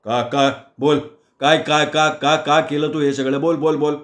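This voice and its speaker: Fed-up middle-aged neighbour guy, scolding and accusing, fairly high voice, echoey room, a narrator doing him. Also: steady tone, a little slow, natural voice. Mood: angry. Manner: agitated, scolding.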